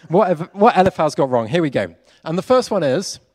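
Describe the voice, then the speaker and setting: A man preaching a sermon with animated emphasis that lifts on his key points. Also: fairly high pitch, normal speed. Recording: long hall reverb.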